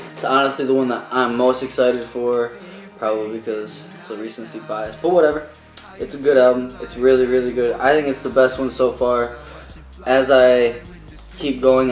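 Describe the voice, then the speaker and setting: A man from the United States, a musician being interviewed, talks in an informal, self-promoting way in casual chat. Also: medium pitch. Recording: echoey room, music behind.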